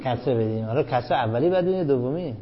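In a classroom lecture on Arabic grammar, a man with an expressive, mid-range voice keeps quizzing his students and restates the rules emphatically. The recording is dull and lo-fi.

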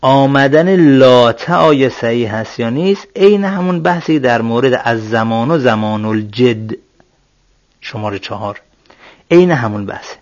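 A man teaching Arabic grammar, working through exercises and slowly spelling out each example word. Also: mid-range voice, animated, dry recording. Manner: slow, deliberate, spells out example words. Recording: dull, dry lo-fi sound.

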